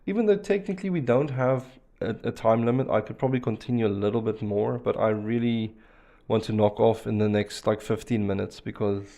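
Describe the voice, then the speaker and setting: Streaming a networking lesson, a chatty Afrikaans-speaking man talks casually while he works a lab, relaxed and full of fillers and restarts. He speaks briskly, with a low-ish, creaky voice.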